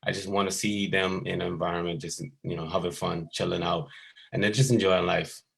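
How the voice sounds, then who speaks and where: A Bahamian basketball skills coach in his thirties chats casually on a video call, halting often with lots of ums and restarts. His voice is low and creaky, and his tone stays steady.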